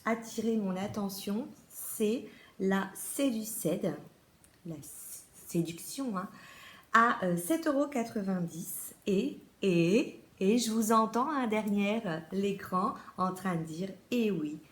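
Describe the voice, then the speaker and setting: Beauty vlogger: French woman, casual and chatty, trailing fillers, mid pitch, roomy echo. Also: slow, a bit bright. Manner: chatty, many fillers and restarts. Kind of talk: casual haul video.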